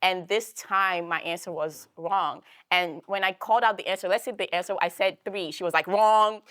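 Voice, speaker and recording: A woman's voice: lowish voice, steady tone, normal speed, fairly bright tone, dry recording, studio quality. A young woman giving a casual church workshop talk, chatty, full of fillers and tag questions. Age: young adult.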